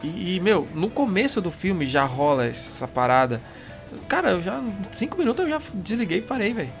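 A Brazilian man in casual podcast chat, rambling in a relaxed, slangy way. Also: sits high, normal speed, vocal fry, soft background music. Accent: Brazilian Portuguese.

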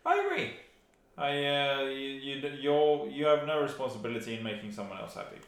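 A man co-hosting a podcast in casual chat, earnest and halting, often restarting his sentences. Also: medium pitch, very animated, echoey room. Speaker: podcast co-host.

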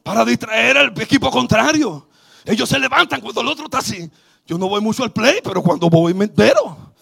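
Brief: Dominican man preaching at a church service, very high husky voice, fervent and rising to shouts, calls out to the congregation. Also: expressive, fairly quick. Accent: Dominican Spanish. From Dominican Republic. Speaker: bishop preaching. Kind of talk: sermon.

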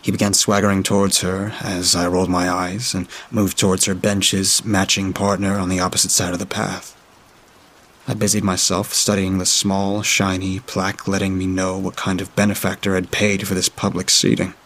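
A man reading a horror story aloud in a dry, steady storytelling manner. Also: deep voice, moderate pace. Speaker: narrator.

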